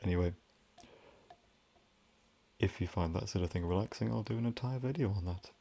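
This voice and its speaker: A man in soft-spoken, whispered role-play, rambling gently and drifting between a whisper and a low voice. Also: normal speed, gravelly, a little hiss or hum. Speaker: ASMR creator.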